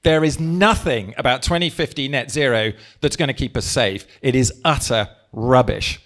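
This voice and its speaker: A political party leader from England gives a speech to an audience in person, his medium-pitched voice forceful and his phrases slow and stressed. He uses a handheld mic.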